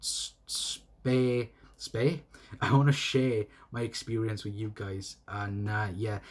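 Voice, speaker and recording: Hosting his fan channel alone, this young man from South Wales reads out chat messages slowly, in a lowish, flat voice. He rambles, repeats himself, and stays friendly toward the chatters, his South Welsh accent clear.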